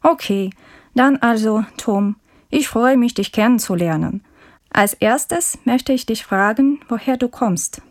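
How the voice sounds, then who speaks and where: A curious, polite course student interviews her new classmate, played by a woman in a scripted textbook dialogue. Her voice sits a little high and every word comes out clear and careful. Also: measured pace, natural voice. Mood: friendly, curious.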